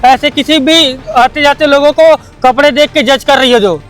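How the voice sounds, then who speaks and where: Brief: man, unusually high voice, firm and indignant, faint music behind. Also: normal speed, fairly bright tone. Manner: polite but firm, indignant. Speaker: scrap dealer hiding his wealth in a short film. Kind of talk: scripted dramatic acting.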